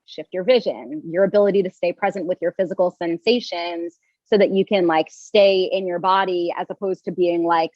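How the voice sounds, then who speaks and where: A woman's voice: lowish voice, steady tone, moderate pace, no room sound, lo-fi sound. A young woman talking as a podcast guest, rambling with many restarts and fillers. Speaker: podcast guest, yoga teacher and coach. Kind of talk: casual interview chat.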